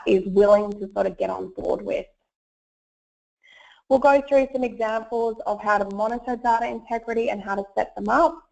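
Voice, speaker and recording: A solutions consultant gives a webinar presentation over an online meeting, her medium-pitched, warm voice gravelly and croaky from a cold. She is friendly and uses plenty of ums and uhs. The web conference audio is muffled, dull, and lo-fi.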